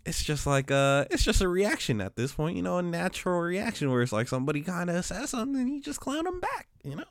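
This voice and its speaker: A man co-hosting a casual podcast, telling stories in a relaxed, slangy way, with many restarts. His voice is smooth and clear, and it sounds close and dry, with no room echo. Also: high-pitched, quick pace. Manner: laid-back, slangy storytelling with frequent restarts. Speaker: podcast co-host; special education teacher. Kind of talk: casual chat.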